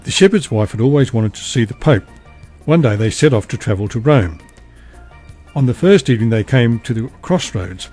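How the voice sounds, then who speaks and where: A man narrating a bedtime story in a calm, even reading voice. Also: mid-range voice, normal speed, soft background music.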